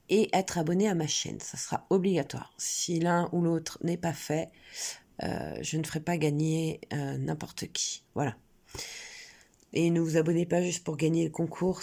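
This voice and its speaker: A woman's voice: fairly low pitch, creaky, mellow. A woman with a cold, sniffling now and then, chatting casually and hesitantly with many fillers as she talks through her coloring hobby. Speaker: coloring channel creator. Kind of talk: casual crafting vlog.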